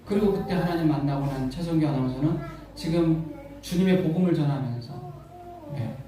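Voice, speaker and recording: A male pastor giving a sermon, telling a story with rising emotion, repeating words and swelling loud on key lines. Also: fairly high pitch, expressive, a little fast, slight background noise. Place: church sanctuary. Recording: echoey church hall from far off.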